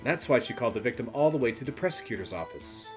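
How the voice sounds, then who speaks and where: A man's voice: mid-range voice, lively intonation, fast, music in the background, close to an everyday voice. A man voicing a boastful, prickly female witness from a video game, with an indignant, self-important delivery. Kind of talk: reading game dialogue aloud in character.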